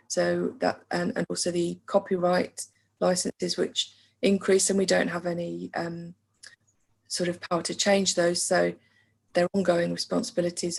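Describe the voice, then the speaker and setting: Brief: English woman, hoarse and losing her voice, gravelly low tone, measured delivery with many ums, on a video call. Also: darkish tone. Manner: measured, with frequent ums and throat clearing. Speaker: council finance officer. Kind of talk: online meeting presentation.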